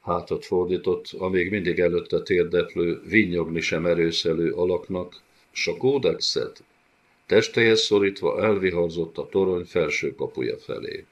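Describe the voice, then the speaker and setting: A man narrating an audiobook in a measured, dramatic reading style, in a dull lo-fi recording. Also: deep voice.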